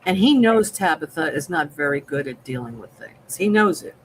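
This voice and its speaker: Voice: mid-range voice, expressive, normal speed, a little hiss or hum, poor audio. A host in a casual live TV recap, often agreeing and asking the co-host questions. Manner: affirming, asks questions.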